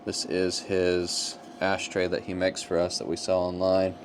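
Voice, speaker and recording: A man's voice: low-pitched, unhurried. A man talking casually as the co-host of a cigar show. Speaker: co-host, cigar lounge proprietor. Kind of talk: casual chat. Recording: clearly noisy room with steady hum.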